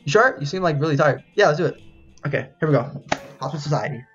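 A man's voice: fairly high pitch, animated, fast talker, fairly bright tone, breathy edge, highs cut off, soft background music. A man casually reading a game's dialogue aloud while he plays, swearing, laughing and yelping when something startles him. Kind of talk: casual let's-play commentary.

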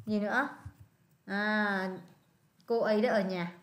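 A woman with a Vietnamese accent tutors a student one-on-one in English, coaxing them along and repeating the answers. Her medium-pitched voice is steady, slow and fairly bright, and the room is echoey.

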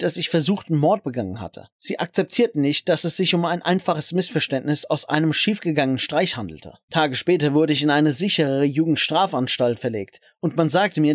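A man's voice: fairly high pitch, no room sound, studio quality. A man narrating a first-person story in a scripted, dramatic way.

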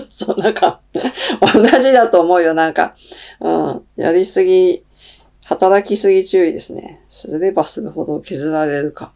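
A woman's voice: fairly low pitch, a little slow, creaky, warm tone. A middle-aged woman hosting her own channel, reading tarot cards and chatting casually, thinking aloud with many fillers. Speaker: tarot reader and channel host. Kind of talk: casual solo talk.

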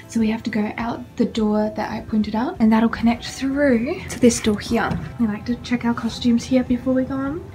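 A woman's voice: fairly high pitch, steady tone, moderate pace, hardly any pauses, mellow, soft background music. A young woman, chatting casually as she explains things like a tour guide. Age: young adult. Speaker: vlogger and community theatre cast member. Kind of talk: casual vlog chat. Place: backstage of a small theatre, indoors.

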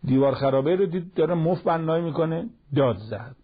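A man's voice: fairly high pitch, lively intonation. A man teaching a Quran lesson, retelling the story in plain colloquial speech and acting out the dialogue. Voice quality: gravelly and raspy. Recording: lo-fi television broadcast audio.

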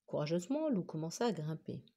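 A woman teacher reading a children's story aloud with animated, expressive storytelling. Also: low-pitched, quick pace.

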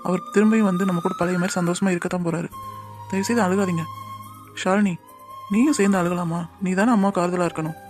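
A man's voice: high voice, steady tone, fast, soft background music, lightly acted. A man voicing a young man in a cartoon drama who earnestly pleads with and comforts the family. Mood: comforting.

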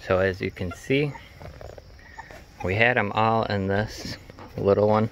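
A man's voice: fairly low pitch, steady tone, takes it slowly, a bit bright, slight background noise. A young man in his twenties chatting casually on a farm vlog, filming himself outdoors by a chicken coop on a handheld phone, rambling with fillers. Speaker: farm vlogger. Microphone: phone camera at arm's length.

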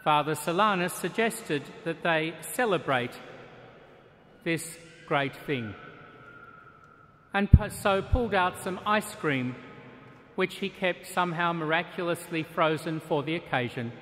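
Solemn archbishop preaching in a cathedral. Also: male voice, on the high side, fairly bright tone. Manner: measured, solemn preaching with deliberate pauses. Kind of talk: sermon. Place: large stone cathedral, at a lectern. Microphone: lectern microphone. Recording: long cathedral reverb.

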